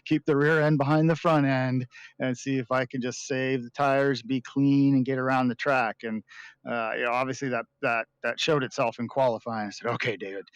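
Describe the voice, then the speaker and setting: A man's voice: medium pitch, smooth, no room sound, rough recording. Modest, good-humored male driver. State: out of breath. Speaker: race driver. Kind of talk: post-race interview.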